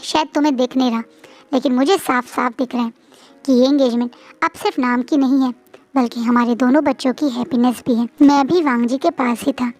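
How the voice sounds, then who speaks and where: A calm elder brother, earnest and persuasive, as a woman voices him. The voice is pitched high. It has the feel of a storybook reading. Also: fairly quick, natural voice.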